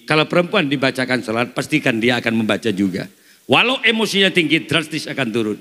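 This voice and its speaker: A man's voice: mid-range voice, quick pace. Man preaching in a reverberant hall. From East Java. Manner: animated, breaks into sung devotional chants. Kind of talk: lively sermon mixed with chanted prayers.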